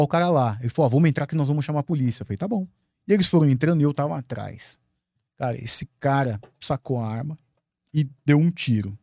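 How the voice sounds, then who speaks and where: A man from Brazil, a guest on a podcast, telling a story in a lively way. He swears freely and acts out his own past words. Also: a little high, no room sound, studio quality. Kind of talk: animated storytelling in a podcast interview.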